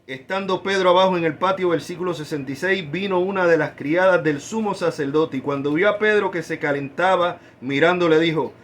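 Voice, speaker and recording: A man preaching a sermon, stressing key words by drawing them out slowly. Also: fairly high pitch, slight background noise. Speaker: pastor.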